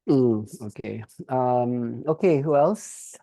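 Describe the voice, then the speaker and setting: Gravelly guy teaching on a zoom call, stops and restarts a lot, dark dry sound. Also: mid-range voice, no room sound. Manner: halting, searching for words. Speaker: course teacher. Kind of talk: casual video call teaching. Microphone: video call.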